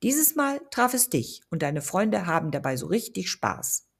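A woman voicing a cheerful young woman who teases in a lively way. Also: fairly low pitch, a little slow, gravelly, exaggerated voice. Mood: teasing.

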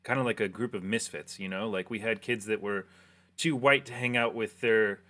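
Brief: young American host, slightly low, bright voice, easygoing rambling talk. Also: male voice, normal speed. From United States. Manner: relaxed, rambling, lots of fillers. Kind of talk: casual chat.

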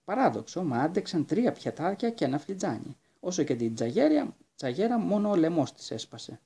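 A man's voice: a little high, very animated, gravelly, warm tone, slightly rough, pitched above the performer's own voice, heavily acted. A man voicing a bold, cheerful young girl in a storybook reading, cheeky and boastful. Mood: playful.

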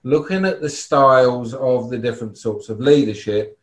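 A man's voice: mid-range voice, normal speed, roomy sound. A man on a panel explaining his research in a conversational way over a video call.

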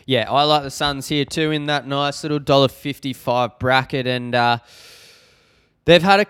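An Australian man with a mid-pitched, clean and smooth voice. He talks casually about sport and betting as a podcast co-host. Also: normal speed, a bit bright. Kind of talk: casual chat.

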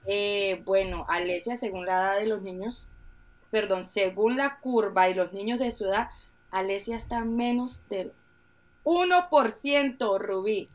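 A woman's voice: mid-range voice, fairly even intonation, a little slow. Woman co-host, frank and emphatic, casual conversational delivery. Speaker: podcast co-host, mother.

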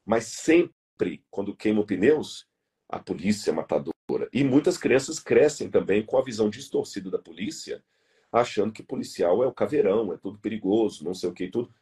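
Very husky, low Brazilian man. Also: animated, a little fast, dark tone. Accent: Brazilian Portuguese. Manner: emphatic, repeats key words and restarts phrases. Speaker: interview guest. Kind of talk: earnest conversational argument.

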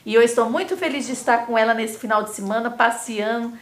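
A woman's voice: on the high side, fast, echoey room. An older woman from São state, a podcast guest speaking with heartfelt feeling about family and faith. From Valparaíso, São Paulo state, Brazil. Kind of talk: emotional casual conversation.

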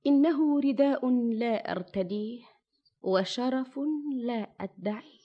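An actress playing a clever young woman storyteller who defers to the king and tells her tale in measured, rhymed classical verse, in an old radio drama. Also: on the high side. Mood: demure, teasing. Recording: slightly dull old radio recording, faint music.

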